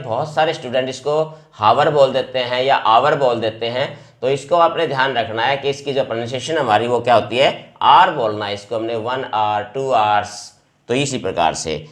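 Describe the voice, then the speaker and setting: Man, English teacher, vocabulary lesson, patient, repeats words, mid-pitched voice. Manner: explains patiently, repeats each word several times.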